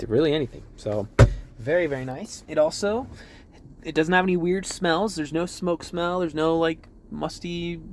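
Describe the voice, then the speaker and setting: A young man casually walking through a vehicle at a car dealership, with an easygoing manner, frequent laughs and quick asides. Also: fairly high pitch, a little hiss or hum.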